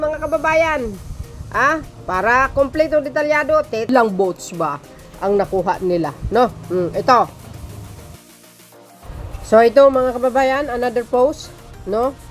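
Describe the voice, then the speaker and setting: Chatty teasing woman vlogger. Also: medium pitch. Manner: chatty, teasing, reads names aloud with frequent exclamations. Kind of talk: casual political commentary vlog.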